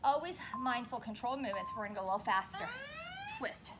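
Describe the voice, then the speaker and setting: A high-pitched woman instructs a workout as she does it herself, a little winded. She gives short, encouraging cues on form. The recording has clear noise behind her. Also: animated, rapid-fire. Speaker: fitness instructor leading a workout. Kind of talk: coaching a home workout while exercising along. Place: indoors on carpet.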